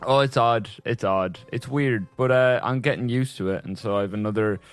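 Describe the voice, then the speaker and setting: A man's voice: mid-range voice, a little fast, smooth, soft background music. A man chatting casually as a podcast co-host, with a very slight lisp from aligners on his teeth and a hesitant, careful delivery. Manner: hesitant, restarting, careful with S sounds. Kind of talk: casual chat.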